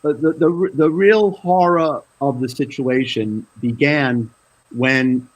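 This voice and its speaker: A man speaking as a guest analyst on an online panel over a video call, in a measured, lecturing way. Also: medium pitch, low-quality recording. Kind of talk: panel commentary.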